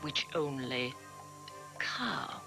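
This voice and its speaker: Countess, scheming, theatrical, soap opera. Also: female voice, rumbling low, animated, drawn-out words, music in the background, heavily acted, low-quality recording. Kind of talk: daytime soap acting.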